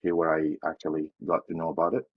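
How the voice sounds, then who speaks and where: A man's voice: a bass voice, completely flat delivery, fast, husky, lo-fi sound. A young man from Syria answering interview questions in a hesitant way, with fillers and restarts. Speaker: interview guest.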